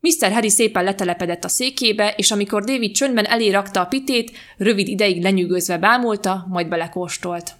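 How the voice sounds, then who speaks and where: A woman podcast host reading a short story aloud in a calm, even storytelling manner. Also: mid-range voice, few pauses. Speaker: podcast reader.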